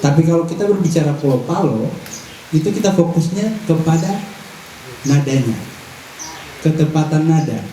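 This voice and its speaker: A man's voice: on the high side, expressive, moderate pace, long pauses, dark tone. A man demonstrating how a traditional instrument is made, explaining step by step and plainly to a workshop audience. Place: large hall. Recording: roomy echo, distant mic, audible room noise.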